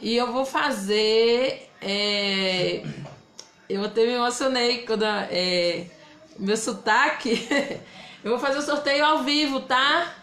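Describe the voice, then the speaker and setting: A slow-paced woman with a fairly high, slightly bright voice hosts a casual live craft demonstration from Bahia. Her accent is Bahian Brazilian Portuguese, and she chats freely, greeting viewers by name and voicing their comments. The recording has a roomy echo.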